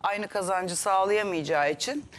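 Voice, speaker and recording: A woman's voice: medium pitch, moderate pace, a little hiss or hum. A middle-aged woman discussing on a live TV studio panel, opinionated and reasoning aloud. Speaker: panelist on a TV magazine show.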